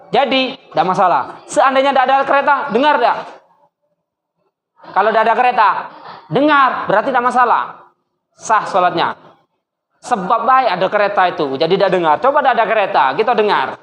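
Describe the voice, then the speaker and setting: A male teacher giving a classroom lesson, lively and teasing, quizzing his students and mimicking their questions. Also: high-pitched, normal speed, pauses often, dull audio. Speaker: religious studies teacher. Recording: echoey classroom with faint noise.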